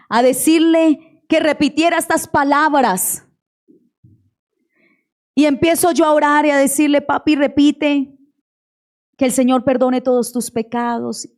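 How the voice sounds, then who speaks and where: A woman with a Colombian Spanish accent giving an emotional testimony in a church sermon, fervent and rising to near-shouts at high points. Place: church service.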